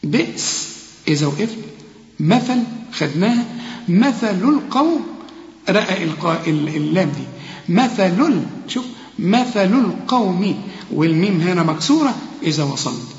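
A man with an Egyptian accent teaching Quran recitation. He coaches a student and slowly repeats words to demonstrate them. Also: high voice, sing-song. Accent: Egyptian Arabic. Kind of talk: tajweed lesson, one-on-one drilling. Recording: echoey hall, dull lo-fi sound.

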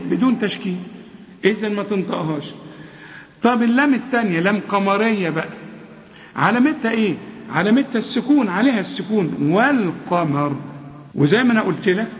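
A man with an Egyptian accent teaching tajweed, reciting verses slowly and melodically, then quickly explaining the rules. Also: high voice. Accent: Egyptian Arabic. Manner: alternates slow melodic recitation with quick spoken correction. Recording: dull lo-fi audio with long reverb.

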